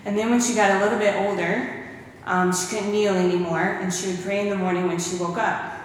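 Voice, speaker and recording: A woman's voice: medium pitch, steady tone, fairly quick, slight background noise. A woman giving a testimony talk in church, telling stories and quoting scripture. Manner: warm storytelling with scripture quotes. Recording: echoey hall recorded from far off.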